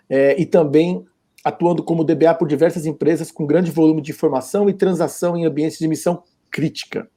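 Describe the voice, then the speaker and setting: A man's voice: fairly high pitch, dark tone, slightly rough. A man with a Brazilian Portuguese accent hosting a live online interview, chatty and jokey. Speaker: interview host.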